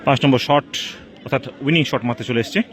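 A man giving live, excited play-by-play football commentary at an outdoor match. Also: mid-range voice, fast talker. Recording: crowd and outdoor noise behind. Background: outdoor crowd at a local football match.

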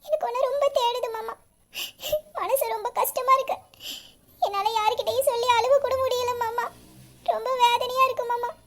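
A woman's voice: very high-pitched, fairly even intonation, quick pace, a little hiss or hum. A young woman voicing a devoted wife who tearfully pleads for her absent husband in an audio drama. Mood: tearful longing. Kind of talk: emotional audio drama acting.

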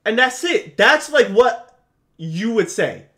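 A man's voice: sits high, sing-song, slow pace, a bit bright. A man in his twenties giving casual live reaction commentary from his bedroom on a headset mic, talking in loose slang with plenty of swearing. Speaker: streamer reacting to a video.

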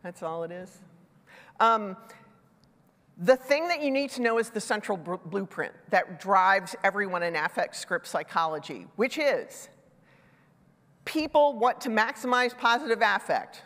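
This is a middle-aged woman on a dark, spacious stage, delivering a chatty conference talk over a headset mic in a mid-range, slightly bright voice that is expressive and a little slow. A sinus infection makes her sound mildly congested, and she keeps making jokes at her own expense. The recording echoes with the hall's reverb.

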